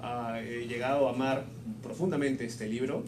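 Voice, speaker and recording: A man with a mid-range, slightly mellow voice interprets a sermon live, phrase by phrase, at a normal pace and with fairly even intonation. He hesitates a little and rephrases as he goes. The room is echoey, and background noise is clearly audible.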